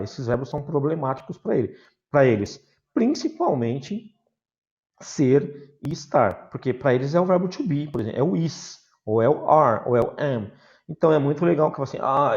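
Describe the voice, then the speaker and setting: A man from Brazil teaching a recorded class in a lively, chatty way, addressing his students informally. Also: mid-range voice, lo-fi sound.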